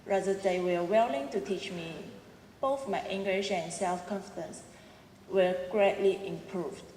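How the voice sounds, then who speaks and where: Speaking warmly and without hurry in a mid-range voice, a student from Hong Kong in her twenties gives an earnest, prepared ceremony speech with a Cantonese accent and a few small restarts. The recording carries the roomy reverb of a large, echoey auditorium plus slight background noise.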